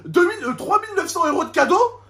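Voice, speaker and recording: A YouTuber's very high, sharp-toned voice races along with lively intonation as he vents to his subscribers on camera. He has a French suburban street accent, speaks in slang sprinkled with Arabic interjections, and keeps repeating himself and asking rhetorical questions.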